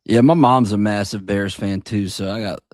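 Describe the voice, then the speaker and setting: A man's voice: fairly low pitch, steady tone, moderate pace, a little mellow, no echo. Male podcast co-host, laid-back slangy chat, medium voice, dry recording. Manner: laid-back, slangy, calls people "dog". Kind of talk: casual chat.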